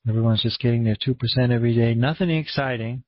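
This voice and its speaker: Male conference-call host, Maine accent, husky voice, laid-back rambling delivery, dull lo-fi recording. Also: medium pitch, quick pace, no room sound. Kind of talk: casual, rambling online presentation. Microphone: online conference room call. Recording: dull, muffled lo-fi audio.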